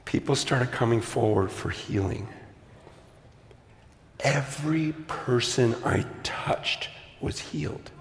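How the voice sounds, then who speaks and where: A man in his fifties preaching, telling a story animatedly, dropping to a hush and then rising to a shout. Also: medium pitch, slow, vocal fry, pauses often, slight background noise. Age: 50s. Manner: animated, swings between hushed and shouting. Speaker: pastor. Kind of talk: sermon storytelling. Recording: long reverb of a large hall.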